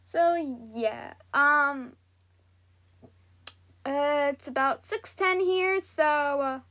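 Giggly Southern woman chatting slowly. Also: high-pitched, bright, forceful tone. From Southwest Florida. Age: 30s. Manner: rambling, giggly, lots of fillers. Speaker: livestream talk show host. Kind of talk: casual chat with live chat viewers.

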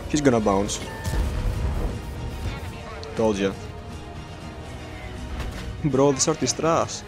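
A man with a mid-pitched voice commentates on his game in a casual way. He mutters slangy asides and swears freely. Loud game music and gunfire play behind him. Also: lively intonation, drawn-out words. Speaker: gamer. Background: game music, artillery and gunfire.

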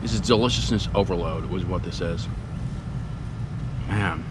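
Man, low voice, mouth full of gelato, savoring murmurs, loud traffic noise outdoors. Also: moderate pace. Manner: savoring, murmuring appreciative sounds. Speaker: food vlogger. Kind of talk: casual food review vlog. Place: outdoors by a busy road.

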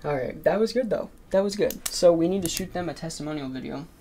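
A teenage marketing agency owner pitches his service on recorded cold calls and comments casually, his gravelly, fry-heavy voice at an ordinary male pitch and a quick pace. He sounds nervous, filling gaps with "um" and "like", and a faint hiss sits behind him.

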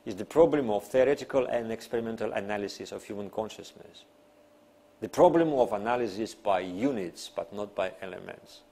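Seated at a desk in a small classroom, a male university lecturer who is not a native English speaker delivers an academic lecture partly from notes. His voice is mellow, fairly low-pitched, and creaky.

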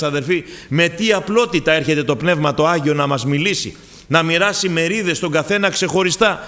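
A man's voice: fairly high pitch, sharp tone. A man from Greece preaching a fervent sermon, often calling out to the congregation as brothers.

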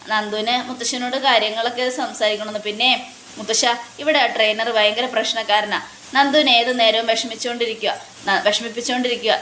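A woman retelling a serial gives voice to a caring young man looking out for his family. The voice stays plainly hers, fairly high, with an echoey room behind. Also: pushed and bright. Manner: plain retelling voice, barely changed. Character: caring young man, elder brother-in-law. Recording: echoey room, faint noise.

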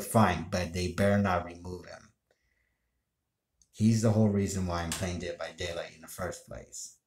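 Casual male gaming vlogger, low and unhurried, rambling delivery, echoey room. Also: a little mellow. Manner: rambling, restarts sentences, sighs. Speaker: gaming streamer. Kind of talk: casual monologue vlog. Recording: roomy echo.

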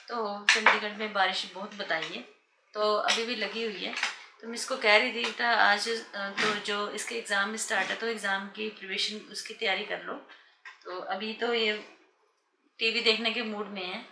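A woman's voice: mid-range voice, steady tone, normal speed. A woman and mother chatting casually to viewers in a home vlog. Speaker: vlogger and mother. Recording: echoey room, noisy background.

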